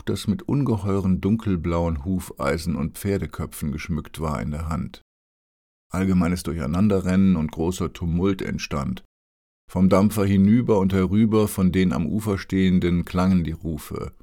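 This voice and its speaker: A man reading a storybook aloud in a calm, even narrating voice. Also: deep voice, normal speed.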